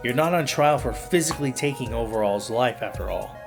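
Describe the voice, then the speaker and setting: An earnest young defense attorney, voiced by a man, calm and methodical in a mid-range voice. Game music plays clearly behind. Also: mid-range voice, a little fast.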